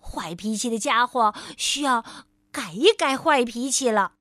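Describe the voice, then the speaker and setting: A woman voicing a cheerful, friendly grown man who speaks brightly and teasingly in a children's storybook reading. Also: a little high, lively intonation, measured pace, dry recording, studio quality.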